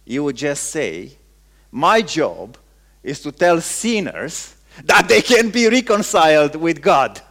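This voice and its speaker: A high-voiced man with a Romanian accent preaches with a sing-song lilt and a fairly bright tone. Short, emphatic phrases dominate, and he often pauses to repeat a key word.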